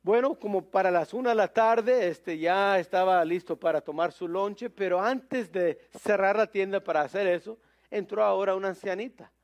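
High-voiced preacher. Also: male voice, normal speed, dull audio. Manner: conversational, many fillers, mixes in English words. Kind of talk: sermon with storytelling.

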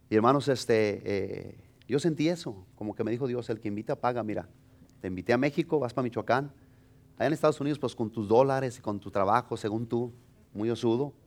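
A male pastor recounts a testimony to his congregation. His voice sits at a middling pitch. He talks in a loose storytelling way, full of restarts and fillers. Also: darkish tone. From Mexico. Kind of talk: sermon testimony.

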